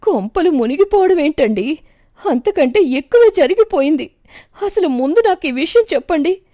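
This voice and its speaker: Woman playing a shrill fussy old mother-in-law. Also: expressive, normal speed, dry recording, clean studio sound. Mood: fretful. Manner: shrill, fretful shouting. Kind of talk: storybook voice acting.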